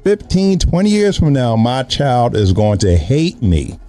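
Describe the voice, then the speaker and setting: A man's voice: medium pitch, sing-song, unhurried, warm tone, faint music behind. A man, hosting a podcast in casual, blunt, slangy banter and repeating phrases for emphasis, close on the mic. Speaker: podcast host. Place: small home podcast studio. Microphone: close microphone on a stand, with headphones.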